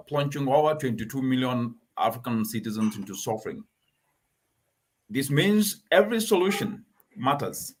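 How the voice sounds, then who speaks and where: A man hosting a talk show, introducing solutions and interviewing a guest in an earnest, emphatic way. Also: medium pitch. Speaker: host.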